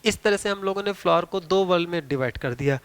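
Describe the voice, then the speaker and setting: A male biology teacher giving an exam-prep lecture in Hindi mixed with English terms. He asks questions, answers them himself, often adds "theek hai", and slows down to stress key terms. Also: high voice, a bit bright, clear, resonant tone.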